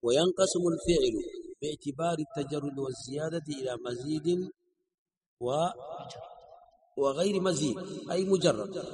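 A man's voice: a little high, low-quality recording. Man teaching grammar over crowd noise. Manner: repeats each read phrase, then explains it slowly. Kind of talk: explaining a classical grammar text. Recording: recorded with crowd noise behind.

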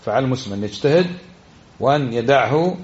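A man's voice: mid-range voice, lively intonation, fast, darkish tone, lo-fi sound. A man giving a religious lesson, exhorting his listeners and often asking them questions. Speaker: religious teacher.

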